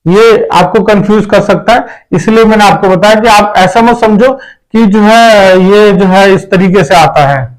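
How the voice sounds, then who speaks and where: A man's voice: high-pitched, poor audio. A man teaching a grammar lesson, explaining step by step and often repeating himself to check that listeners follow. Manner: repetitive, explains each point step by step. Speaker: English teacher. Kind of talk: classroom-style grammar lesson.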